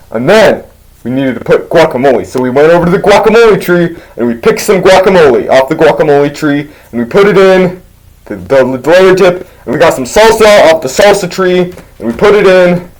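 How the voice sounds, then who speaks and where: A man's voice: on the high side, natural voice, poor audio. A man voicing a laid-back male skeleton in a rambling comedic storytelling style, full of restarts and absurd turns.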